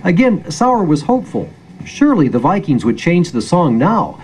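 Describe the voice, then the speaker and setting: A man's voice: on the high side, big pitch swings, normal speed, darkish tone, slightly rough, low-quality recording. A man with an American accent narrating a scripted news feature as a public radio reporter, in a storytelling manner.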